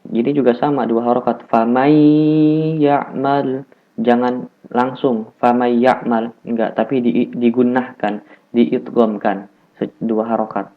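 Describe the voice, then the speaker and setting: A man teaching Quran recitation rules, explaining each rule and then slowly chanting the examples twice. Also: medium pitch, phone-quality sound.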